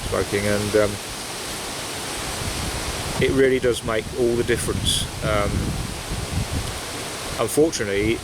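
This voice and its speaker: A pipe-smoking vlogger chats casually and reflectively in the woods, his lowish voice steady in tone as he moves at a measured pace and pauses often. His delivery is hesitant and meandering. Wind and rustling leaves come through on the basic outdoor recording.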